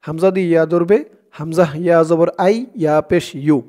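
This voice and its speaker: A man with a Bangladeshi Bengali accent teaching Quran reading, chanting verses slowly and then breaking the words into syllables. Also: a little high, steady tone, warm tone. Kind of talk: slow step-by-step recitation lesson.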